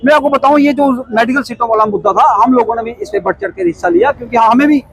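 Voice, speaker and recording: A man's voice: very high voice, fast talker, vocal fry, a bit bright, poor audio. A middle-aged man, a protest committee member, giving an impassioned statement full of repeated rhetorical questions.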